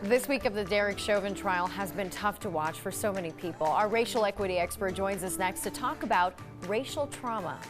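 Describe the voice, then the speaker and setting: A woman news anchor reading stories and introducing a guest in a clear, measured way. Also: mid-range voice, over music.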